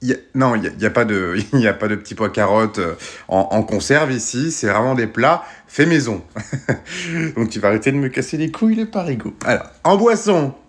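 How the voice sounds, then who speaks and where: A man's voice: medium pitch, animated, moderate pace, natural voice. A man playing a rude country restaurant waiter who mocks his guests in a comedy sketch. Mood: mocking. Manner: mocking, insulting.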